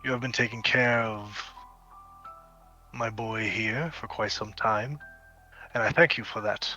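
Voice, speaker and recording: A man voicing a stately, courtly fire king who speaks graciously with a quiet menace. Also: lowish voice, steady tone, a little slow. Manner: formal, gracious, quietly threatening. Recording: dull lo-fi audio with faint music.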